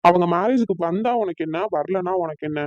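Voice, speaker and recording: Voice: medium pitch, a little fast, no echo, highs cut off, lightly acted. A performer voicing a hurt, resentful young man in a cartoon, brooding and bitter.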